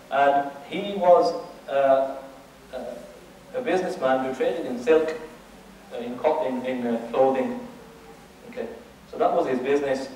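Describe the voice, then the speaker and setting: A man's voice: mid-range voice, darkish tone, slight background noise. A man giving a religious lecture, asking his audience rhetorical questions and often restarting and repeating his words. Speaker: Islamic teacher. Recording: very echoey room, distant mic.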